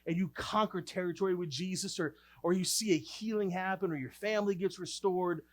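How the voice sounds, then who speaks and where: A high-pitched man preaching a sermon with strong emphasis, often stumbling over and repeating words as he presses each point. His delivery swells louder on the key lines. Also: fairly quick. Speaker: pastor.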